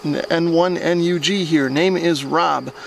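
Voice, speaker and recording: A man calling CQ on ham radio from his home garage, spelling call signs in a slow, measured on-air manner. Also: fairly high pitch, vocal fry, noisy background. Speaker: amateur radio operator.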